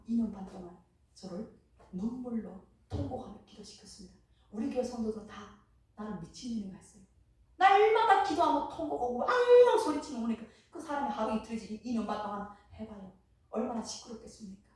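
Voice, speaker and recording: A woman missionary from Korea, giving an impassioned church testimony that swings between hushed and loud. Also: fairly high pitch, expressive, a little fast, slight background noise. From North Korea. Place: church sanctuary. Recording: very echoey hall, mic far off.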